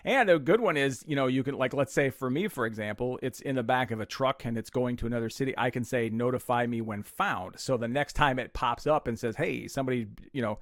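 A man's voice: medium pitch, brisk, few pauses, no echo, studio quality. A man hosting a podcast, telling a frustrated story in casual chat and acting out what others said. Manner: exasperated ranting storyteller, acts out quotes. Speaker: podcast host.

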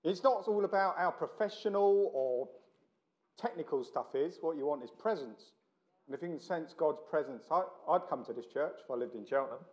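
A middle-aged man with a South London accent gives an informal sermon as a visiting preacher. His voice sits a little high for a man. He talks in a chatty, blokey, self-deprecating style, joking with his listeners. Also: expressive, normal speed, a little mellow, dull audio. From South London, England. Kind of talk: informal sermon to a church meeting.

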